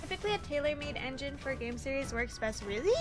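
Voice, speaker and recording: Brief: high-pitched woman game streamer, chatty and rambling, plenty of fillers, game music playing clearly behind her. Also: expressive, fast talker. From American Midwest. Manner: rambling and chatty, heavy on fillers, laughs often. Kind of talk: casual gaming stream chat.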